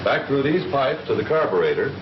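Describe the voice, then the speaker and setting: A man speaks at medium pitch with a sing-song lilt, briskly and naturally. His role is a confident American Army captain and flight instructor who calmly walks pilots through instructions, plain-spoken and methodical, as in a 1940s training film. Expect a noisy, flat 1940s soundtrack quality.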